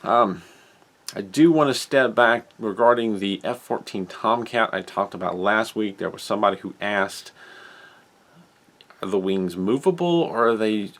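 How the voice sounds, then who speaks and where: Low-voiced man rambling hobby news. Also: fairly bright tone. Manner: rambling, self-correcting, reads out model specs. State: has the hiccups. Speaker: hobby channel host. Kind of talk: casual solo news commentary.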